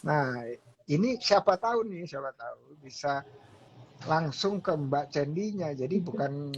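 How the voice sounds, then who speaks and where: A man's voice: fairly high pitch, animated, unhurried. A man hosting a casual live online chat, his voice breaking up and cutting out over the call. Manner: chatty and upbeat, repeats himself. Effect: choppy online call audio that keeps cutting out. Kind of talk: casual live-stream interview. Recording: dull lo-fi online call with faint noise.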